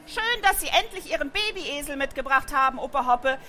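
A woman voices a friendly farm woman in a storybook, greeting guests in a welcoming way, her voice a bit lowered and softer. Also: animated, a little fast, slight background noise. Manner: welcoming, surprised.

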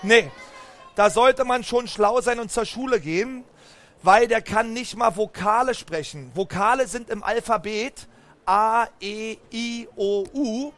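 A man telling a lively story to children, speaking straight to them and asking them questions. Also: high voice, a little slow. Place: book fair stand.

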